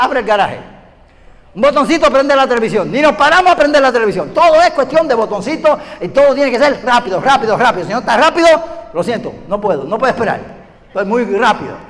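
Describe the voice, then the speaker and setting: A man preaching a sermon, acting out little dialogues and swinging between shouts and hushed asides. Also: very high voice, lively intonation, fairly quick. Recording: hall reverb, faint background noise.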